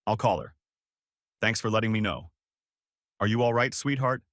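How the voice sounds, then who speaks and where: Brief: gentle concerned neighbor woman, read by a man, low dry voice. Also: moderate pace, no room sound, lightly acted. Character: kind, worried older woman neighbor.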